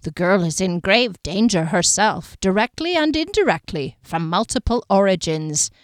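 A woman voicing a patronizing male wizard diviner with a nasal, sibilant voice and slow, knowing pronouncements. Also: medium pitch, expressive, no echo, clean studio sound, natural voice. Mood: ominous.

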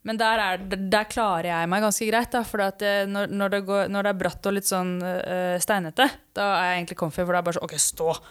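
A young woman, a podcast guest, telling an animated story in casual chat, full of fillers. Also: medium pitch, hardly any pauses, clean tone. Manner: animated storytelling, heavy use of fillers like "liksom".

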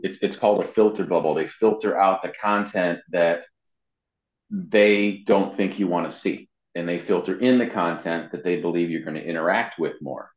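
A deep male voice comes through reverberant, with the highs cut off. An interview guest who works as a web marketing consultant and voice actor, he answers in a casual, explanatory way and drives his points home by repeating them.

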